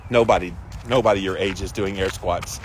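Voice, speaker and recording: A man's voice: sits low, steady tone, moderate pace, a little hiss or hum, poor audio. A man hosting a casual livestream, reading out and answering viewer comments in an encouraging, emphatic, colloquial way. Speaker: livestream host of a daily ice bath challenge.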